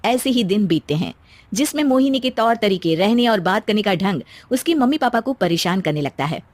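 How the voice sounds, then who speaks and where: A woman's voice: medium pitch, animated, a little fast, no echo. A woman narrating a scripted story as its storyteller.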